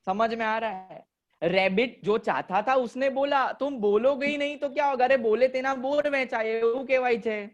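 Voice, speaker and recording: A man's voice: very high voice, normal speed. A man teaching an online commerce class and telling a story to his students while he quizzes them. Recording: dull lo-fi audio.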